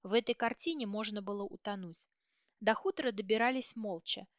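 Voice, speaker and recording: A woman narrating a first-person story as an audiobook reader, steady and dramatic. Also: mid-range voice, fairly quick, no room sound. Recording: dull, dry audiobook recording.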